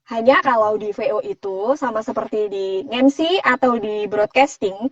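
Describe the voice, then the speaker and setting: A fairly high-voiced woman voice-over artist talks casually and explains with examples. She sounds set back from the mic in a dry space. The sound is dull and muffled. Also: moderate pace, no room sound, far from the mic.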